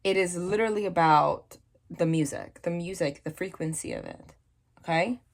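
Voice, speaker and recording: A woman from the New York / New Jersey area, with a New York accent, rambles casually through a tarot reading at an indoor table, hands over the cards, restarting and going off on asides often. Her voice is fairly low and creaky, at a normal pace.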